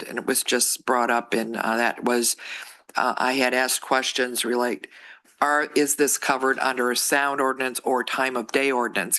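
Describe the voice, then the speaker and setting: Bright-voiced councilman setting the record straight. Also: mid-range voice. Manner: earnest, clarifying his record. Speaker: council member. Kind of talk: council discussion.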